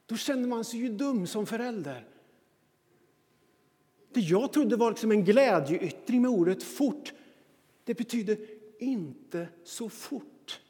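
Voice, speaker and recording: A man telling a personal anecdote as a self-mocking, animated monologue. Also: sits high, pauses often, big-room sound. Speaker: storyteller.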